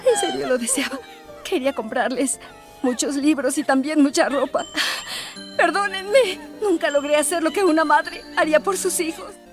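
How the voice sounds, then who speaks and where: High-voiced tough anime mother. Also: expressive, moderate pace. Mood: sorrowful. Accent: Latin American Spanish. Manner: emotional, earnest. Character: tough, loving ex-marine mother. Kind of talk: Spanish-dubbed anime. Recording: music behind the voice.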